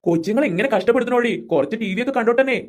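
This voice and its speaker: A performer voicing an easygoing, gentle father in a cartoon, coaxing and mildly teasing his wife and children. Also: medium pitch, animated, very fast, natural voice. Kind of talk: cartoon voice acting.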